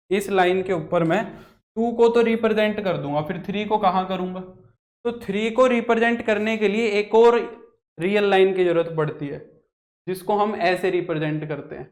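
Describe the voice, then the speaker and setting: Young male maths tutor, high voice, repetitive board lecture full of questions he answers himself. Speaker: maths teacher.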